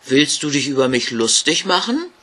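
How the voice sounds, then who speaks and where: A man voicing a big, grumpy old ghost who guards his castle, speaking loudly and with drawn-out words. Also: fairly high pitch, sing-song, breathy edge, pitched above the performer's own voice, full character voice. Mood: stern. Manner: loud, shouting and drawn out.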